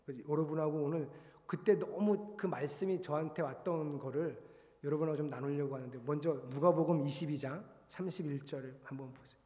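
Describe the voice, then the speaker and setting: Middle-aged man preaching, high voice, lots of feeling, church echo trailing off. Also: a little fast. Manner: animated, confessional storytelling with exclamations. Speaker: pastor. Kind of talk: sermon. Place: church sanctuary. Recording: long hall reverb.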